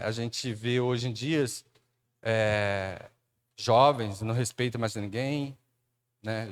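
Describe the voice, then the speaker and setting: A man with a Brazilian Portuguese accent gives his testimony at church as an animated storyteller, acting out quotes with his pitch rising. He speaks to a listener by name and often tags his lines with "né."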